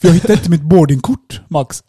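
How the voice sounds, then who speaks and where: A man's voice: fairly high pitch, slightly rough, no echo, studio quality. Young man telling a rowdy story. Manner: animated storyteller, crude slang, laughs often. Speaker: podcast co-host. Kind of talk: casual chat.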